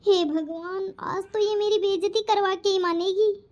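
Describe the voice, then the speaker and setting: A proud, quick-tempered mother-in-law from a family cartoon, voiced by a woman. She fusses and scolds, always guarding her honour, and her voice sits very high. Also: steady tone, a little mellow. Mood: defensive. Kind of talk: cartoon voice acting.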